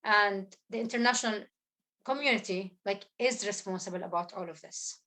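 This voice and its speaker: An earnest filmmaker, speaking as a guest at an online symposium, gives intense testimony over a video call, halting often with fillers and restarts. Her mid-range voice is bright and forceful, though the audio quality is poor.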